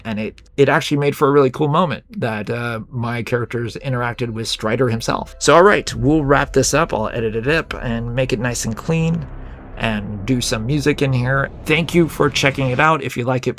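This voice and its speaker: A man's voice: mid-range voice, fairly bright tone. A man narrating a solo tabletop role-playing game in a casual, rambling storytelling manner.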